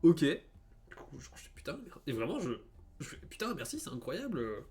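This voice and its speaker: This young man's voice sits on the high side and moves at a moderate pace as he streams a game. He tells a casual story over the gameplay, animated but stammering and packed with fillers.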